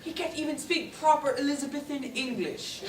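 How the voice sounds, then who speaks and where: A student playing a snide, mocking young playwright in a high school stage comedy, with sarcastic, drawn-out delivery. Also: a little hiss or hum, natural voice. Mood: smug. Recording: distant stage mic, echoey hall, crowd laughter.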